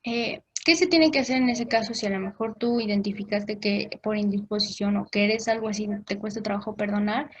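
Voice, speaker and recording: A woman's voice: medium pitch, fairly even intonation, brisk, few pauses, slightly rough, poor audio. A woman gives an informal talk on forgiveness, speaking conversationally with many fillers and briefly acting out the voices she quotes.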